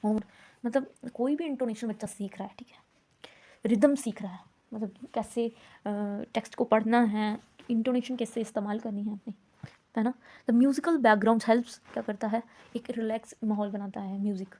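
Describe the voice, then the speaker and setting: A woman's voice: on the high side, steady tone, moderate pace, warm tone. A woman explaining teaching methods in a lecture, mixing in English terms and often checking in with "है ना?". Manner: mixes English terms into Hindi, frequent "है ना?" checks. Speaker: teacher educator.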